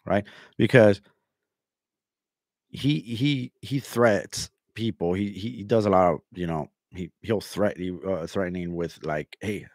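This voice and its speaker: A man's voice: sits low, measured pace, a little mellow, no room sound, studio quality. A man hosting his own channel, ranting with mocking sarcasm and repeating himself as he calls out a rival. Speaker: channel host. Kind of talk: ranting commentary.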